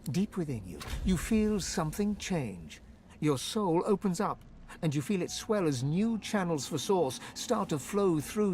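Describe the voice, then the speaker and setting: A man acting as a grave, ominous storyteller, narrating a dark fantasy video game with brooding drama. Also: fairly high pitch, slight background noise.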